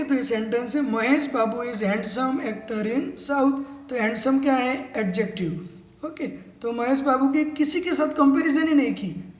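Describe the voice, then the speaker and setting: Guy teaching english grammar, really high voice, roomy echo, spells words out. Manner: explains step by step, spells words letter by letter; mixes slow English definitions into quick explanations. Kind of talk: classroom-style grammar lesson.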